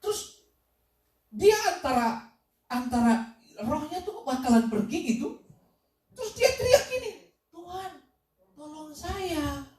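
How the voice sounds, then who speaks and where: A man preaching a sermon as pastor, telling a story with lively repeated phrases and sudden loud questions. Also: extremely high pitch, measured pace, pauses often. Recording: echoey room, voice from a distance.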